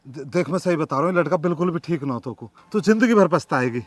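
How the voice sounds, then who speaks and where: A man's voice: extremely high pitch, moderate pace, a bit bright, no echo. A man playing a pleading village lover. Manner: earnest, pleading, then confrontational. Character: heartbroken young village lover, pleading and protective.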